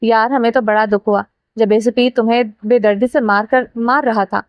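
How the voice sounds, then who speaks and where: A woman's voice: a little high, fairly even intonation, no room sound, muffled recording, close to an everyday voice. A woman voicing a young man talking to his friend in an amazed, chatty way, read from a novel.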